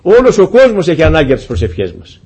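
A man's voice: a little high, very animated, darkish tone, slightly rough. A man preaching a sermon to his congregation, earnest and pleading, often asking them questions.

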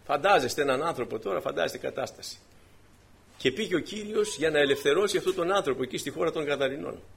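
Man, preacher, sermon, husky, fairly high voice, emphatic rises and falls. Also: a bit bright. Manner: preaching with emphatic rises and drops, addressing brothers.

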